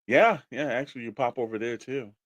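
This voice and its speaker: A man co-hosting a casual podcast chats informally and offers advice in a rambling, conversational manner. His voice is medium-pitched, a bit bright, and a little fast, and the sound is lo-fi with no echo.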